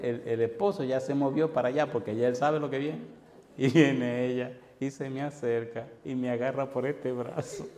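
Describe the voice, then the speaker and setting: A man's voice: mid-range voice, mellow, slight background noise. A male pastor preaching a sermon, telling a dramatic personal story and speaking directly to his congregation. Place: church hall. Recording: reverberant church hall with faint ambience.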